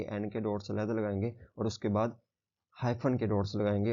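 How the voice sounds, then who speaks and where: Calm guy teaching braille, keeps saying "theek hai", kinda muffled audio. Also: mid-range voice. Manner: patient, repeats "theek hai" and "okay" to check understanding. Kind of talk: step-by-step lesson explanation. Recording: slightly dull lo-fi sound.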